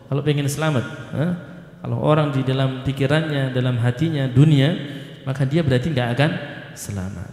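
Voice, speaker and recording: A man giving a Ramadan study sermon. He reads Arabic phrase by phrase, chants some of it, then explains it slowly. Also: mid-range voice, a little mellow. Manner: sometimes chants the Arabic in a sing-song tone. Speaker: ustadz teaching a classical text. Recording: echoey hall with long reverb.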